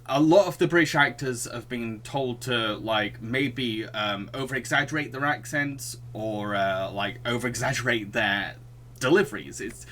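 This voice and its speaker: Hosting a podcast about films, a young man walks through storylines and his views, reading part of a plot summary aloud. His voice is medium in pitch and a bit bright, with a little hiss or hum in the recording.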